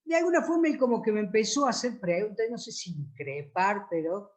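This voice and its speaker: A man with an Argentine Spanish accent, a priest, telling anecdotes at a book presentation and acting out the dialogue. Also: a little fast. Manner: anecdotal, acts out dialogue with lively pitch jumps. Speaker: priest and author.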